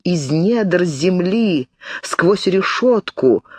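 Slow, measured woman audiobook reader. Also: on the low side, lively intonation, dry recording. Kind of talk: audiobook narration.

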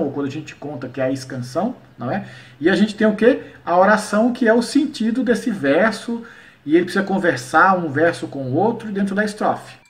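A man from Paraíba, teaching educators about cordel poetry and reciting his verses slowly and rhythmically. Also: on the high side, a bit bright. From Paraíba, Brazil. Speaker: cordel poet and workshop teacher. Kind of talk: online lesson for educators.

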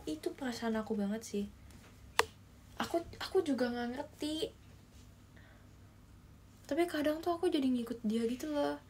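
This young adult woman, an idol streamer, giggles often as she reads comments and chats with viewers on a casual phone livestream in her small bedroom. Her voice is a little high and dark-toned. There's slight hiss or hum, and the phone is held close in selfie framing.

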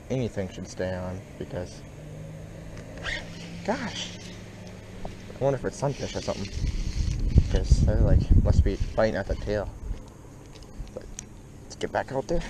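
A man's voice: on the low side, lively intonation, unhurried, long pauses. A young man with a Midwestern American accent giving upbeat casual commentary while fishing from a kayak on a lake, recorded on a head-mounted action camera. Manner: upbeat, chatty, talks while working the rod. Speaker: fishing vlogger. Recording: noisy outdoor camera audio.

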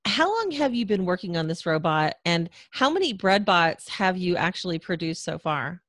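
A woman in her forties hosting, asking prepared interview questions clearly into a studio microphone. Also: fairly low pitch, big pitch swings, normal speed, fairly bright tone, no room sound. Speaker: interviewer host. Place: home studio. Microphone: large studio condenser mic.

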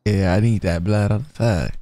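A man's voice: on the low side, fairly even intonation, normal speed, mellow, no echo. A young man streaming a roleplay game, trolling other players with slang and frequent laughter. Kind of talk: in-character roleplay banter.

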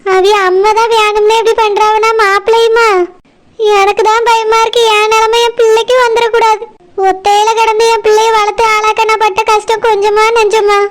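Someone doing a gentle worried old village mother. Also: very high-pitched, normal speed. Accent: Tirunelveli Tamil. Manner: soothing, monotone. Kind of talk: cartoon voice acting.

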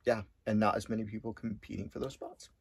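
A man's voice: fairly low pitch, flat delivery, quick pace, breathy edge, dry recording. A middle-aged man co-hosting an RV travel show, explaining options steadily in casual chat with plenty of ums and uhs. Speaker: co-host of an RV travel channel. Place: small indoor room in front of a green screen.

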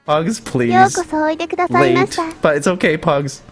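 A man's voice: fairly high pitch, wildly swooping pitch, slow pace, a bit bright. A young man streaming live, overexcited, stammering and laughing often between words. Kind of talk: excited live stream chat. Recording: faint background music.

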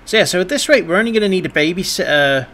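A man's voice: high-pitched, animated, very fast, sharp tone. A man streaming a life-sim game, giving wry, chatty commentary and swearing casually.

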